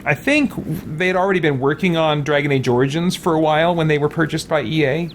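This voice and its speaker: Speaking fast in a slightly high voice, a male let's play streamer thinks aloud over a faint hiss or hum. His talk is casual, rambling gameplay commentary mixed with reading chat and replying to viewers.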